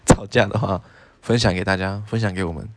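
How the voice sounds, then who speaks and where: A young man co-hosting a podcast with his wife, calmly defending himself and giving drawn-out explanations. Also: low voice, noisy background. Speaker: podcast co-host. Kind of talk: casual chat.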